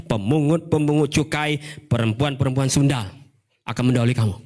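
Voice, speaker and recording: Animated male pastor preaching a sermon. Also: medium pitch, fairly quick. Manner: animated, calls out "amin", sometimes shouting. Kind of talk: Sunday church sermon. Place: church service.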